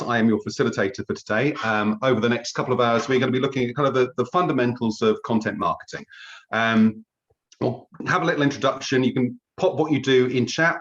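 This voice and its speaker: A man in his fifties leading an online webinar as trainer, chatty and self-deprecating with jokey grumbles, over a video call. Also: medium pitch. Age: 50s. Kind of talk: casual online workshop talk. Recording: slightly dull lo-fi call audio.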